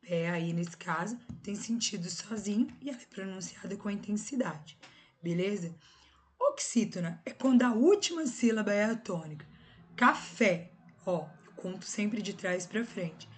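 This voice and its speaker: A woman's voice: medium pitch, expressive, normal speed, darkish tone. A woman with a Brazilian Portuguese accent giving a recorded lesson, explaining step by step and checking in with short tag questions. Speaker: teacher.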